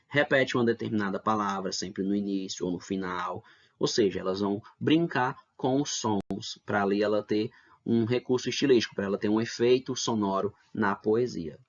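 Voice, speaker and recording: In a dull, lo-fi recording, a male teacher walks middle schoolers through an online lesson one step at a time. His voice is on the low side and his pace moderate, and he mixes in rhetorical questions plus frequent "né?" and "tá bom?".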